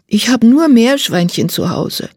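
A woman doing a shy, gentle girl with a soft, husky voice, quiet and soothing. A little higher than a grown-up, dry and close, in a children's audiobook, as a narrator puts her on. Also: expressive, measured pace, dry recording.

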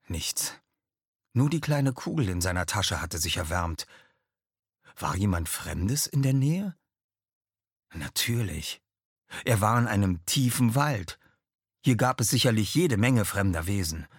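A man reading a fantasy story aloud in expressive scripted narration. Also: lowish voice, normal speed, breathy edge, dry recording, studio quality. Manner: expressive storytelling, slips into character voices. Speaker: audiobook narrator.

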